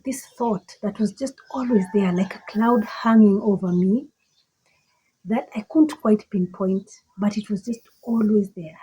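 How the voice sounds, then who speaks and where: A motivational speaker with a Kenyan accent delivers an emphatic, deliberate monologue, repeating phrases for effect. Her slightly husky voice is medium-pitched and warm, though the recording is rough.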